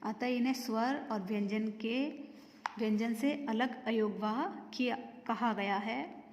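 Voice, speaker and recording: Slow, echoey woman teaching children. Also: on the high side, darkish tone, slight background noise. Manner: slow, deliberate, spells out each example word. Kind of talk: Hindi grammar lesson for children. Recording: echoey room with long reverb.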